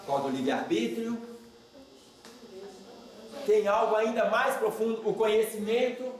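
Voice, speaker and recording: A man giving a religious study talk, animated and putting questions to the audience. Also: sits high, unhurried. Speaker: lecturer. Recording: echoey hall, distant mic.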